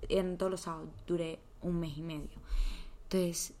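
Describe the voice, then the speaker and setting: Young woman, colombian accent, lowish pitch, casual podcast talk, slangy and chatty. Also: level tone, moderate pace, warm tone. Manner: chatty storytelling with slang and swearing. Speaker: podcast co-host.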